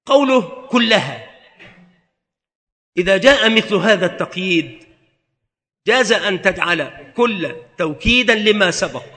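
A man's voice: sits high, expressive, a little slow, pauses often, sharp tone, in a large hall. A man giving a methodical classroom lesson on a religious text, spelling out word variants one by one. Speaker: religious teacher.

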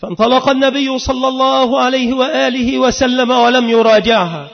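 A man preaching a sermon in an emphatic, rhythmic style that rises into sung and shouted passages. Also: very high-pitched, fairly even intonation, fairly quick, creaky. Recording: long hall reverb, dull lo-fi sound.

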